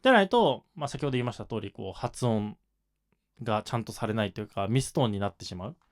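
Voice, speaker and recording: Man with lively, animated delivery. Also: on the low side, fast talker. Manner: patient, explanatory, with frequent fillers. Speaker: shamisen instructor. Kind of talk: explanatory lesson talk.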